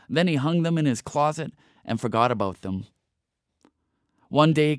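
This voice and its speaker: A man narrating a storybook tale with a playful, expressive reading. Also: medium pitch, dry recording, clean studio sound.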